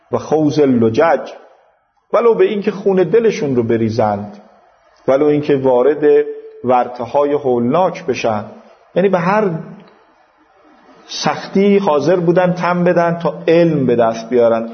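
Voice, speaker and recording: A man's voice: a little high, expressive, dull audio. A man with an Iranian Persian accent giving a religious lecture as a teacher, explaining scripture didactically with recited quotations and paraphrases. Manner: didactic, quoting Arabic then paraphrasing.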